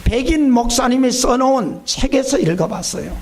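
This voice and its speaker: A male pastor preaching at a revival meeting, telling a story in an animated way. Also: very high-pitched, normal speed, a little hiss or hum.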